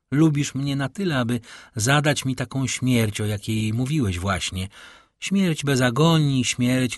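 Man narrator playing a sincere, despairing young man in an audiobook, husky and low. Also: dry recording, clean studio sound, natural voice.

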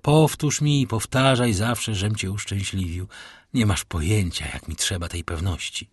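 A man voicing a brooding middle-aged nobleman in a read-aloud novel, slow and solemn. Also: lowish voice, breathy edge, dry recording, studio quality.

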